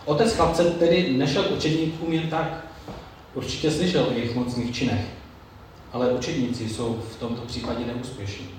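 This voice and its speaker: Male preacher, measured sermon delivery, distant mic in a booming hall with a little ambience. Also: fairly even intonation, slight background noise. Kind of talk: sermon with Bible reading. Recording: very echoey room, mic far off, faint ambience.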